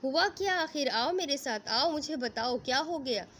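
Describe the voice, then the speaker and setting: A woman's voice: sits high, lively intonation, a bit bright, a little hiss or hum. A woman voicing a protective mother who cries out and scolds. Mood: alarmed. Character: anxious, protective mother of the groom.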